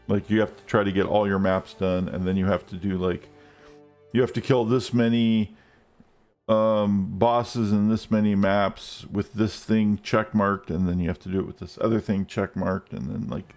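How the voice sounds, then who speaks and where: Rambling low-voiced male game streamer. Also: normal speed, vocal fry, faint music behind. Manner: rambling, loose, profane, with excited outbursts. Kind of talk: casual live-stream chat.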